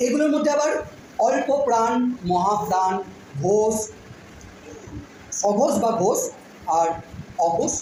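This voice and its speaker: A woman's voice: on the high side, lively intonation, a little slow, long pauses, warm tone. A woman teaching a phonetics lesson to a class, patiently repeating sounds and often checking that students follow. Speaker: school teacher. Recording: very echoey room, noisy background.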